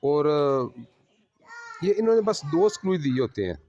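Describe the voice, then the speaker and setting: A man working as a solar installer, giving a plain, unhurried on-site explanation of his work to viewers at a house. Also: fairly high pitch, very animated, warm tone, lo-fi sound, a little hiss or hum.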